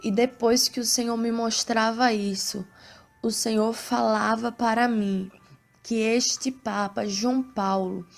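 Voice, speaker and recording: A woman with a Brazilian Portuguese accent reading scripture and giving a spiritual testimony in a slow, solemn, measured way. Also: on the high side. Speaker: evangelical preacher.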